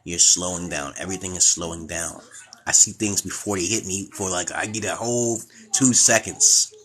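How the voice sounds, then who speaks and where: A man in his forties from Brooklyn, New York, USA hosts a casual livestream, rambling from topic to topic and losing his train of thought. His voice sits low. He talks at a moderate pace with a fairly bright tone.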